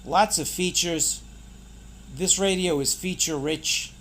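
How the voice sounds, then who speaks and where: A man with a high-pitched, fairly bright voice hosts a casual product unboxing at a slow pace, pointing things out in short, clipped phrases. He's the product reviewer and channel host, and there's slight background noise.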